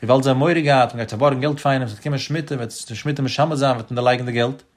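A man teaching a Talmud study lesson in a rapid sing-song cadence, his pitch swinging up and down as he explains. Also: steady tone. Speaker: religious teacher.

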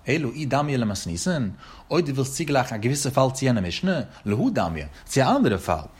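A man teaches a legal text at a quick clip, laying out each case in turn. His voice is husky and a little breathy. He talks in a sing-song lecturing cadence that rises and falls through each point. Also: mid-range voice, big pitch swings. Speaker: Talmud teacher.

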